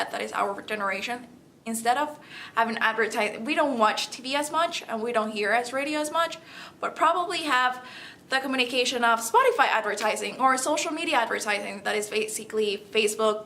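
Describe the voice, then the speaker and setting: A young woman with a Salvadoran Spanish accent speaks in a fairly high, pushed, bright voice on a noisy recording. Running as a student election candidate, she makes an earnest campaign pitch in an interview, with non-native phrasing.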